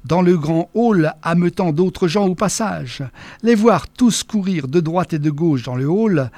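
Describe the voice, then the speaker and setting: A man giving a measured, expressive first-person reading of a novel as an audiobook narrator. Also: a little high, no room sound.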